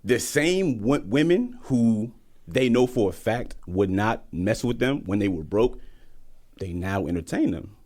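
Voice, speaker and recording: Low-voiced laid-back male podcast guest. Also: lively intonation, measured pace, a little mellow. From Nigeria. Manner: laid-back, stumbles and repeats words. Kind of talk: casual podcast chat.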